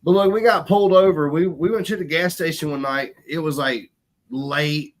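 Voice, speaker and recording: A man's voice: on the high side, moderate pace. A man, an event announcer guesting on a podcast, telling a story in a folksy way and addressing listeners as y'all. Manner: folksy, talks to the audience as y'all. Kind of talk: casual storytelling.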